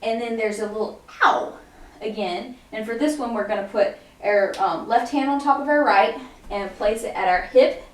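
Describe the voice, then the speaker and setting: A young woman casually teaching a dance routine step by step, with lots of fillers and sung lyric snippets. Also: a little high. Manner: chatty, frequent fillers, sings lyric snippets while demonstrating. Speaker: dance instructor. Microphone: camera mic at a distance. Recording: echoey room, far from the mic.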